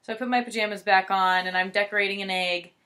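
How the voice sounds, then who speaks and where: A woman's voice: mid-range voice, fairly even intonation, fast, sharp tone. A young woman casually telling a story, chatty, with fillers and quoted dialogue.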